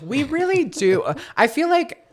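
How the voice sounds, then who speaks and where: A man's voice: very high voice, very animated, moderate pace. A man co-hosting a podcast in casual chat, retelling a show animatedly with swearing and laughs. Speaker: podcast co-host.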